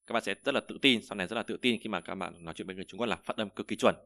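A Vietnamese man teaching an online Chinese pronunciation lesson, repeating drill syllables loudly between casual, filler-heavy explanations. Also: lowish voice, rapid-fire, vocal fry, no echo. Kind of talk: online lesson with screen walkthrough.

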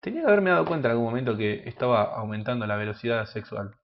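A man with an Argentine Spanish accent giving crude, joking gameplay commentary that bursts into loud shouts. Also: mid-range voice, lively intonation, fast, gravelly, dull audio. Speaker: gaming youtuber.

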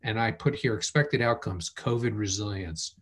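A man's voice: on the low side, moderate pace. A man hosting an online program, talking casually and thinking aloud with restarts, over a video call. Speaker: host of an online family-studies program. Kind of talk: casual webinar talk.

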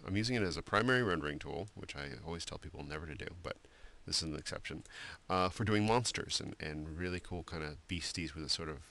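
A man giving a screen-recorded software drawing tutorial, talking loosely with many fillers and restarts. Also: extremely low pitch, fast, vocal fry, hardly any pauses. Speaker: art instructor.

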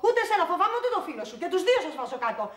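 A woman's voice: very high-pitched, very animated, echoey room. A fiery, scolding jealous woman. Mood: furious. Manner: loud, scolding and threatening.

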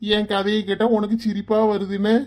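A woman voicing a caring village father in an animated cartoon, soothing and fatherly. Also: mid-range voice, a little fast, natural voice. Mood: comic. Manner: soothing, fatherly advice and comic storytelling. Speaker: father figure. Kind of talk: Tamil cartoon voice acting.

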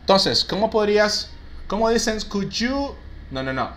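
Upbeat bilingual teacher, quick praise for students, faint noise behind. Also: male voice, high-pitched. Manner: lively, mixes Spanish and English, praises students often. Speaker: English teacher for call center agents. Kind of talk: live online class, reading out student answers.

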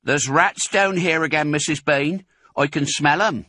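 A man voicing a big, slow-witted young farm woman working as a servant. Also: fairly high pitch, pushed and bright, no echo, pitched above the performer's own voice. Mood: plodding.

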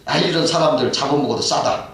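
A man's voice: medium pitch, brisk, fairly bright tone, pitched above the performer's own voice, close to an everyday voice. Man telling a scornful fox, bitter, folk tale, echoey hall, distant mic.

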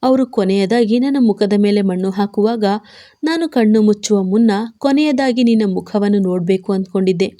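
A wounded, soft-spoken young wife who pleads in plaintive questions, as a woman storyteller voices her. Her tone is mellow and warm, told like a storybook scene. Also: medium pitch, moderate pace, close to an everyday voice.

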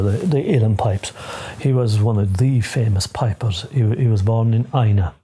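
An older Irish man with a very husky, breathy voice and a mellow tone. He tells traditional tales in a lilting rural western accent, pausing for drama and repeating phrases as an oral storyteller does. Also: mid-range voice. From Ireland. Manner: lilting, dramatic, with deliberate pauses and repetitions. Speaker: storyteller of folklore. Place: small living room, seated in armchair.

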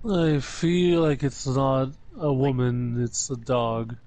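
A man's voice: mid-range voice, fairly even intonation, takes it slowly, a little mellow. A man chatting casually as a co-commentator on a game. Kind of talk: casual chat.

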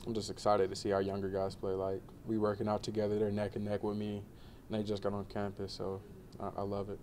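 Laid-back young man, low flat voice. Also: quick pace, a little hiss or hum. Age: 20s. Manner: laid-back, many fillers, relaxed. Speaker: college football player. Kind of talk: postgame press interview. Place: indoor media room before a banner.

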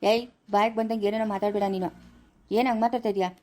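A woman playing a young husband who defends himself with rapid pleading explanations. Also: mid-range voice, steady tone, darkish tone, lightly acted. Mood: defensive, reassuring. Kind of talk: amateur family drama acting.

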